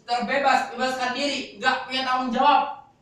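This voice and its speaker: A man's voice: very high voice, level tone, normal speed, sharp tone. A male Quran teacher giving a classroom lecture, explaining step by step and asking the class questions. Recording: echoey hall, voice from far off.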